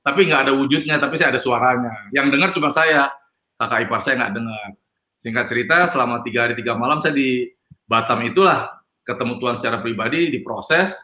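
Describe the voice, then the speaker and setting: Man, emphatic rambling testimony, bright voice, echoey room. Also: medium pitch, fairly quick. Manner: rambling, emphatic, frequent fillers. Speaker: guest. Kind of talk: personal testimony storytelling.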